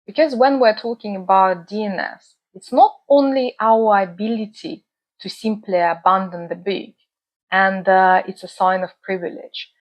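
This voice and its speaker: In a dull-sounding recording, a medium-pitched woman from Russia addresses her book channel's viewers in a reflective talk to camera. She sounds earnest and thoughtful, measured in pace, and often pauses with "uh." She is at home in the UK.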